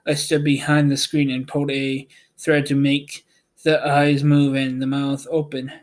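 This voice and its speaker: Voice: mid-range voice, completely flat delivery, a little slow, close to an everyday voice. A man voicing an apologetic little humbug wizard who explains himself in a storybook reading. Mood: explaining tricks.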